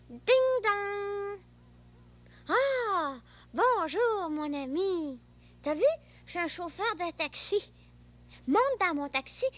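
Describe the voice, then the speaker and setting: Little boy, high lively voice, slow talk, Québécois accent, bossy, makes car noises, woman acting. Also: full character voice. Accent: Québécois French. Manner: bossy, chatty, engine noises. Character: playful young boy with an imaginary friend. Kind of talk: children's TV acting.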